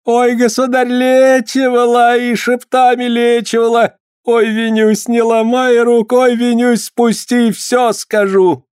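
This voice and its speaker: A man's voice: high-pitched, flat delivery, moderate pace, a little mellow, no room sound, studio quality, voice pushed up. A man voicing an old village healer woman, frightened and pleading, wailing and chanting her charms. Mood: screaming.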